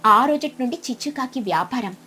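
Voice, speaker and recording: Bright, high-voiced woman narrator. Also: expressive, fast, breathy edge, faint music behind. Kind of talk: scripted storybook narration.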